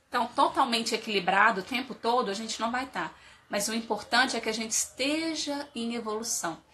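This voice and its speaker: The recording carries a little hiss or hum as a woman with a cold gives a live, informal motivational talk on life stages, asking plenty of rhetorical questions. Her nasal voice is medium-pitched, pushed and bright.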